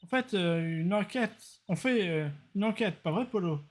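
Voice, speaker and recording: A streamer voicing a bubbly teenage girl magician sidekick from a courtroom game, pitched high and eager. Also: animated, a little slow. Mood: chirpy. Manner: high chirpy eager delivery.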